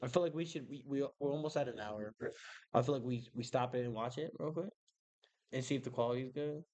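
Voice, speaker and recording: A man's voice: medium pitch, fast, a little mellow. Laid-back slangy man co-hosting a podcast. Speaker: podcast co-host. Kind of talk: casual chat.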